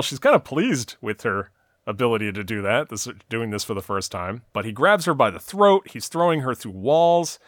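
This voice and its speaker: A man's voice: mid-range voice, a bit bright, dry recording. Man recapping a TV episode, dry close sound. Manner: narrates the plot at length, with frequent "uh" and "you know". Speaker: podcast co-host recapping a TV episode. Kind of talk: casual recap chat.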